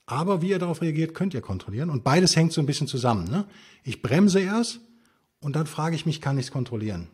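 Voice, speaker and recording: A man's voice: a little high, expressive, brisk, husky. A man, a guest author, explaining ideas in an emphatic, conversational interview style with rhetorical questions. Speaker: podcast guest, stoicism author.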